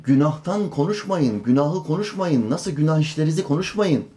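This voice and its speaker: A man's voice: fairly high pitch, animated, a little fast, mellow. A man giving a Quran commentary lesson as a religious teacher, earnest and emphatic, with rising rhetorical questions.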